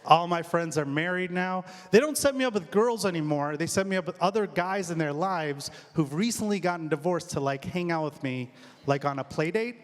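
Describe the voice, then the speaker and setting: A man's voice: fairly high pitch, brisk, background noise. A man with a Chicago-area American accent doing a stand-up set on a theater stage, chatting with the crowd and joking at his own expense. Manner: chatty crowd work, self-mocking. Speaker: stand-up comedian.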